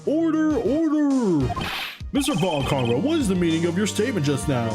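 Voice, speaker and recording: A woman's voice: medium pitch, sing-song, moderate pace, natural voice. A woman voicing a pompous, easily flustered old male judge in a video game, declaiming with some hesitation. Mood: commanding. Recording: loud music behind the voice.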